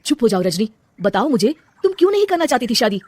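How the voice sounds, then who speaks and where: Woman voicing a gentle young husband, coaxing and pleading, fairly high voice. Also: very animated, quick pace, no room sound.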